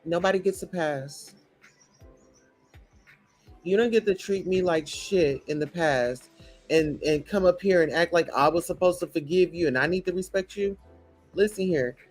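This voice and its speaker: A man's voice: sits high, normal speed, long pauses, soft background music. A man ranting in a blunt, profane, preachy commentary reacting to a show.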